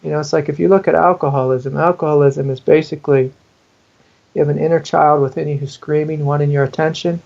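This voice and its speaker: A man's voice: fairly high pitch, steady tone, quick pace, creaky, darkish tone, muffled recording. A man who is a spiritual teacher, answering in an interview in an earnest, intimate way and sometimes acting out the inner voices he describes.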